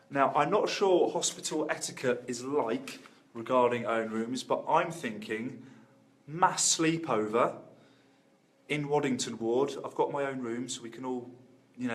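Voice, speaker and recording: A man giving a casual, chatty, upbeat video update to friends and followers. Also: medium pitch. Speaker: vlogger.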